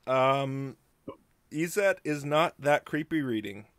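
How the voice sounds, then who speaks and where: A man's voice: mid-range voice, animated, takes it slowly, fairly bright tone, no room sound. A man hosting a live stream and chatting casually, his voice coming through only in the left ear, self-mocking as he fumbles with his setup. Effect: voice heard in the left ear only. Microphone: computer mic on a live stream.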